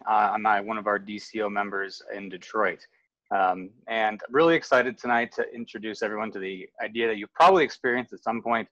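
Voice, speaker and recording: Low-voiced man moderating a video call. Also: no room sound. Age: 30s. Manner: relaxed, many fillers and restarts. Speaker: panel moderator. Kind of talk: casual introductions on a video call. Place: home room with framed photos on the wall. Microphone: video call webcam, earbud. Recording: dull, dry video call audio.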